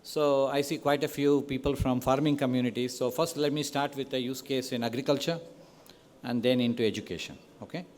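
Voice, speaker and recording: A man's voice: mid-range voice, darkish tone, slight background noise. A man with an Indian accent giving an informal podium speech in a large hall, conversational and often checking in with his listeners. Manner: conversational, frequent "right?" and "okay?" check-ins. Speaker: conference speaker. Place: large indoor event hall, on stage. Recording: long reverberant hall sound.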